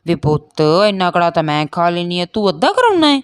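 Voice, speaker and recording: Woman reading a weepy village mom, high and pleading. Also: big pitch swings, fast, smooth, dry recording, studio quality. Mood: scolding. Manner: pleading, tearful. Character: middle-aged Punjabi village mother, grieving for daughter.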